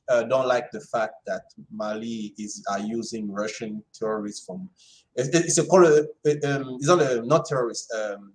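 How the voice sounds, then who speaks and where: A man co-hosting a casual panel discussion, talking with many fillers, restarts and pauses. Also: lowish voice, a little mellow, rough recording. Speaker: podcast co-host.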